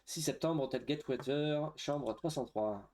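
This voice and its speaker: A man's voice: mid-range voice, measured pace, darkish tone. A man playing a video game, reading its dialogue aloud with hesitant asides and frequent fillers. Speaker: let's play streamer.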